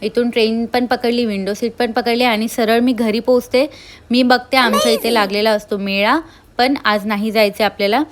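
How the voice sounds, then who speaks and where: A woman's voice: on the high side, steady tone, normal speed, background noise. A young woman narrating her day in a casual, chatty vlog voice-over. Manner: chatty, conversational, frequent tag words. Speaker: vlogger.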